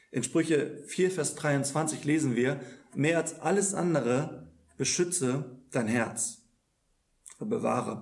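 A man's voice: mid-range voice, vocal fry, darkish tone. A man preaching a sermon in an earnest tone, often stumbling over repeated words as he restarts.

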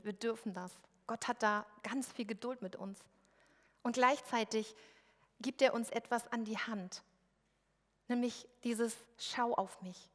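A woman's voice: fairly high pitch, in a large hall. A woman from West Germany preaching a sermon in a church service room, in a conversational, personal storytelling way.

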